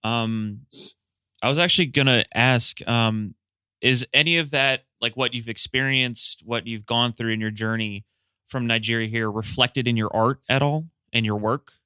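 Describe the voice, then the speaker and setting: A young man hosting a podcast, asking questions in a relaxed, joking way. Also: medium pitch, moderate pace, clean tone, dry recording, clean studio sound. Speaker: podcast host. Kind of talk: casual interview chat.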